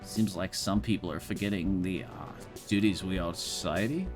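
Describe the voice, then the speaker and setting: A man's voice: sits low, fairly even intonation, normal speed, music in the background, lightly acted. A man voicing a young graduate who talks in a cowboy drawl, reading game dialogue aloud. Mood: laid-back.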